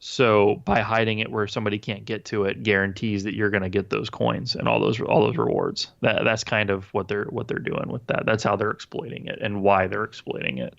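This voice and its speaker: Low gravelly man, rambling podcast co-host. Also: level tone, fairly quick, hardly any pauses, a bit bright, muffled recording. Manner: rambling, profane, full of fillers and restarts. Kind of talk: casual gaming podcast chat.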